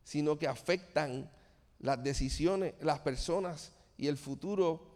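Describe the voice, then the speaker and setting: A man's voice: on the high side, measured pace, darkish tone, big-room sound. A man from Cuba preaching a sermon to a church congregation, speaking earnestly and turning often to address his listeners directly. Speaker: pastor.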